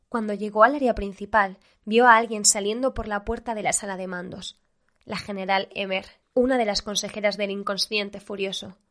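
A woman narrating a story at a measured, steady pace. Her reading is even and unhurried. She tells it in a plain storytelling voice. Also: mid-range voice.

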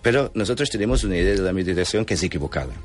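A very deep-voiced man, a guest on a radio interview. He explains patiently and calmly, pausing on fillers and checking in with little tag questions as he goes. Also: husky, soft background music. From Angola, raised in Portugal. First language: Portuguese. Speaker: Buddhist lama, guest.

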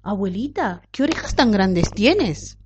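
A woman's voice: mid-range voice, sing-song, a little slow, a little hiss or hum. A woman voicing a sweet, eager little girl in a red cape for a storybook tale. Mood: innocent. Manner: bright, eager, childlike. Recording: dull lo-fi recording.

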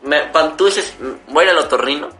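Bright-voiced joking Mexican man. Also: on the high side, fairly quick. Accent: Mexican Spanish. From Mexico, Jalisco. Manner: joking, crude, teasing. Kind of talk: casual chat. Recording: roomy echo with faint music.

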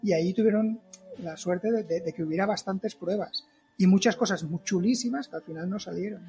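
A man talking casually as an interview guest, explaining haltingly and repeating words. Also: sits high, warm tone, faint music behind, rough recording. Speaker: podcast guest, film costume maker.

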